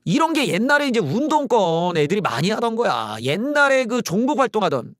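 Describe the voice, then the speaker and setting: Solo commentary host, male, high and lively voice, scornful and blunt. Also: a little fast, no echo, studio quality. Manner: blunt, scornful, rants with rough slang; mocks slogans in loud shouted bursts.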